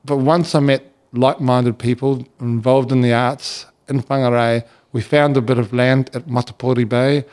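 An older man, a business co-founder, recalling his story in a relaxed, anecdotal way. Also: medium pitch, normal speed, hardly any pauses. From New Zealand. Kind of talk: interview recollection.

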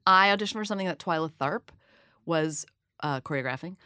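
A woman guest from Detroit, telling self-deprecating stories in a lively, animated way with acted-out voices. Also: deep voice, quick pace, clear, resonant tone, no echo, studio quality. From Detroit, Michigan. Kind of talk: casual interview storytelling.

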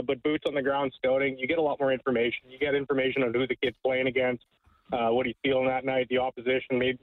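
A man's voice: mid-range voice, dry recording. A man calling in to a radio show over the phone, a hockey scout giving his opinion bluntly. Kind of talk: call-in radio chat. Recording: tinny phone line.

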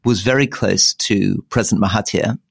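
This sixties-aged podcast co-host wanders thoughtfully through political history, and his voice climbs higher whenever he gets excited. His delivery is moderate in pace, creaky and husky. It's recorded at studio quality without any echo.

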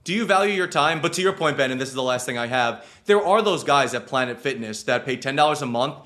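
A man's voice: medium pitch, animated, fast, a bit bright. A man speaking as an advisor, explaining things casually and emphatically. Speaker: financial advisor guest.

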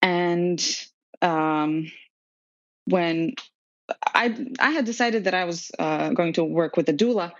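A woman from Serbia, in her thirties, recounts her story casually as a podcast guest, often laughing and saying um. She talks slowly in a lowish voice with long pauses, and the lo-fi recording is dry and dull, with no room sound.

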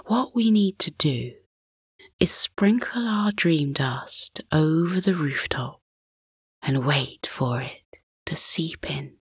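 A woman voicing a gentle whispering dream-maker father. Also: low-pitched, expressive, slow, husky, no echo, clean studio sound, full character voice. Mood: hushed. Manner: soft hushed whisper.

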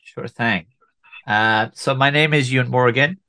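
A man in his forties from Scotland, with only a faint trace of a Scottish accent, talks as a guest in a relaxed, rambling way, restarting his sentences often. His voice has a gravelly, creaky edge. The sound is dry and close, with no room echo. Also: medium pitch, a little slow. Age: 40s. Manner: relaxed storytelling with frequent restarts. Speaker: whisky ambassador guest. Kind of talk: conversational interview.

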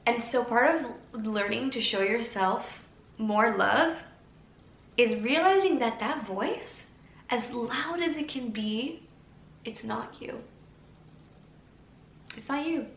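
A woman hosting a solo podcast, talking calmly and gently in an encouraging way. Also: on the high side, slow pace, long pauses. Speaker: podcast host. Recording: echoey room with faint ambient noise.

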